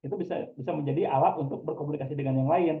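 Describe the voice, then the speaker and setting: A man lectures a class on public speaking, lively and direct, often pausing on a quick "ya" to check in with the room. His voice sits fairly high, and the sound is thin and phone-like, ringing around an echoey room. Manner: animated, addresses audience directly with frequent "ya".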